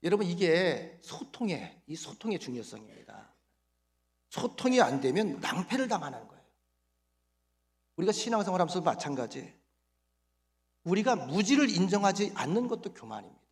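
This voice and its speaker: Animated Korean pastor preaching. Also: male voice, sits high, normal speed, long pauses. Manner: lively preacher who quizzes the congregation and has them repeat phrases. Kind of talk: sermon.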